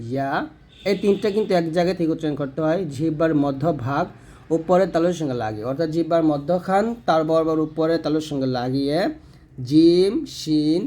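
A man with a slightly high voice leads a Quran pronunciation lesson. He sounds out each letter slowly and carefully, then explains in plain, steady terms where the tongue and throat should be placed. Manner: self-corrects mid-lesson. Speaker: Quran recitation teacher.

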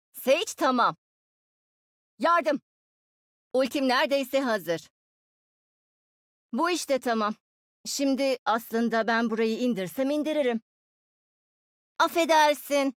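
A smug young genius inventor. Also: female voice, high-pitched, dry recording, studio quality. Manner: playful, smug, teasing. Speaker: game character voice lines. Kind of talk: Turkish game dub voice lines.

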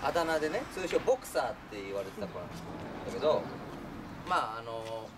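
A man's voice: mid-range voice, very animated, fairly quick. A man telling a funny true story in a casual way, acting out the voices of the people in it and laughing as he goes. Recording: distant mic with clear background noise.

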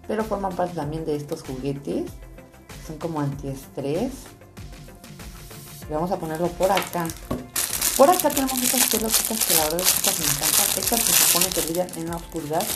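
A woman hosting a casual toy unboxing for young viewers, chatting in an expressive, excitable way full of exclamations. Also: lowish voice, vocal fry. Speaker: host of a toy unboxing channel. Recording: music playing behind, packaging crinkles. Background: music, crumpling and crinkling of packaging.

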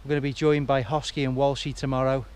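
A man's voice: mid-range voice, flat delivery, quick pace, a little mellow, smooth. A man casually narrating a camping trip outdoors, chatty and jokey, recorded on a camera mic. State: a little out of breath. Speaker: vlogger. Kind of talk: casual outdoor vlog chat. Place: outdoors at a campsite and on a hill walk.

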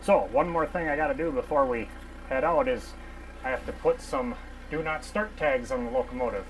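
In a machine shop, a man in his thirties talks about fixing locomotives in a plain technical manner, dotted with ums and uhs, recorded by a lapel mic. His mid-range voice moves at normal speed, with slight background noise and poor audio.

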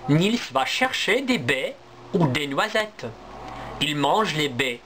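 Slow expressive male storyteller. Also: fairly high pitch, a little hiss or hum. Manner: clear, expressive, deliberate. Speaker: language teacher. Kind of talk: slow storybook reading for learners.

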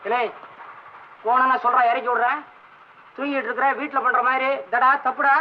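A man's voice: very high-pitched, level tone, a little fast. An actor playing a pompous, ticketless young man on a train who mocks and scolds the other passengers and mixes in English, in 1960s film comedy style, on a dull old soundtrack with hiss. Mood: scolding.

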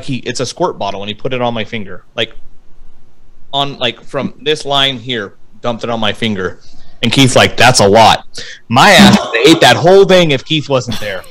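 A man's voice: medium pitch, fairly bright tone, rough recording. A man hosting a casual podcast, chatting over a video call, rambling and laughing often as he tells a story. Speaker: podcast host. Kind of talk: casual chat. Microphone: video call microphone.

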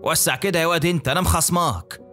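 A man's voice: on the high side, rapid-fire, pushed and bright, faint music behind, pitched above the performer's own voice. A man voicing a bossy, scolding older Egyptian mother in a storytelling video, speaking with an Egyptian accent. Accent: Egyptian Arabic.

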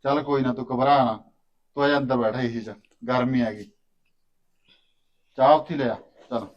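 A placating farmer brother, played by a man smooths things over in an easygoing mid-pitched voice with a Punjabi accent. The recording sounds dull and lo-fi. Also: steady tone, normal speed, natural voice. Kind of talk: village drama acting.

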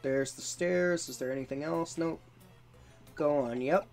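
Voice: medium pitch, unhurried, vocal fry, a little mellow. A gamer chatting casually through a let's play, reading bits of on-screen text and adding amused asides. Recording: faint music behind. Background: video game music.

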